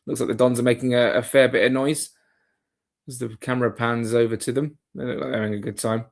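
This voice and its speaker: A man's voice: mid-range voice, level tone, fast talker, creaky. A man hosting a live football watchalong, giving chatty, rambling play-by-play with asides to his viewers. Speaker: watchalong host. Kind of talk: live match commentary and chat.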